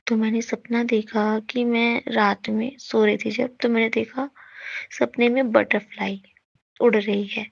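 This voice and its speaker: Earnest woman with a gravelly voice. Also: fairly high pitch, little pitch movement, a little slow, dry recording. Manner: earnest, often addresses the listeners as sangat ji. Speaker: devotee sharing testimony. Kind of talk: devotional testimony to a congregation. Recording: dull lo-fi recording.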